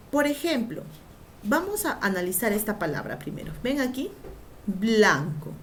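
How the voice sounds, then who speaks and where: A woman's voice: mid-range voice, a little hiss or hum. A woman teacher giving a grammar lesson, drawing out syllables for emphasis and asking the class questions before answering them herself.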